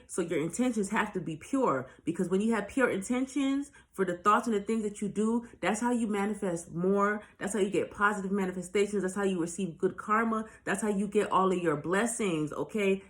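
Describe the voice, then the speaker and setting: A woman's voice: medium pitch, normal speed, few pauses. A woman speaking as a spiritual life coach in a casual motivational monologue, blunt and profane, pressing her points with repeated rhetorical questions. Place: at home, recording on her own.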